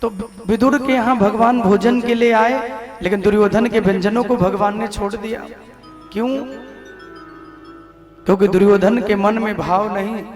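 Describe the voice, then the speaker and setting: A man's voice: sits high, fairly even intonation, a little slow. A man preaching a devotional sermon to a gathered audience with a North Indian accent, urging listeners to respond aloud. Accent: North Indian, Vrindavan. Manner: exhorting, calls on audience to respond. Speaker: Bhagwat katha preacher. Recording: echoey hall with faint music.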